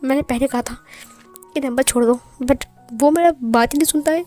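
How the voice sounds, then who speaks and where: A woman's voice: high voice, normal speed, warm tone, faint music behind, natural voice. A woman voicing a nervous young male assistant who stammers and trips over his words.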